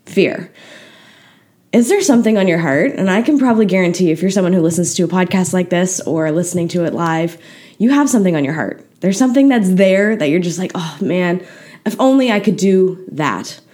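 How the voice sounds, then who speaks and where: A woman hosting a motivational podcast, talking casually and candidly with a hoarse voice. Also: lowish voice, animated, a little fast, warm tone. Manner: candid, chatty, self-deprecating. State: hoarse, unusual voice today. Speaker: podcast host. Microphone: podcast microphone.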